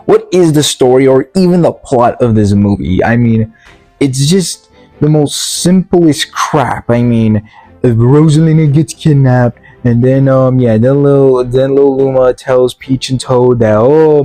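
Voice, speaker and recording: In a dry recording, a young man with a mellow, medium-pitched voice gives a casual review of a video game film. He rambles, speaks bluntly, leans heavily on fillers, and comes across as weary and worn out.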